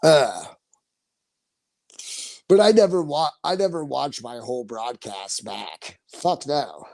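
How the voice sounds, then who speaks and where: A man's voice: medium pitch, animated, takes it slowly, gravelly, darkish tone, dry recording. A man in his forties chatting casually on his livestream, rambling, laughing often and swearing freely. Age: 40s. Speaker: livestream host.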